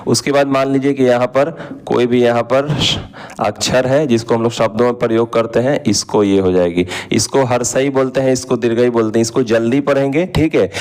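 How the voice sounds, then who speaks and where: A man's voice: mid-range voice, darkish tone. A man teaching how to read vowel signs, explaining patiently while he writes them out and often turning to his viewers. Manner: patient, repeats "ठीक है" and "दोस्तों" often; slows down to stress vowel signs. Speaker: Hindi teacher. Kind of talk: explaining while writing on a board.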